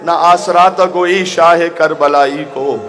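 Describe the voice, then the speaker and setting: A man's voice: a little high, steady tone, fairly bright tone. A male preacher delivering an emotional mourning sermon in a hall, rising to anguished cries and half-sung lament. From Pakistan. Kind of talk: Muharram majlis sermon recounting Karbala. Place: large hall gathering.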